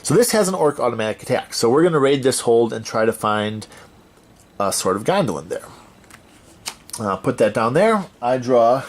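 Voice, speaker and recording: A man's voice: medium pitch, creaky. A man hosting a let's-play of a solo card game, thinking aloud as he reads out card text and corrects himself as he goes.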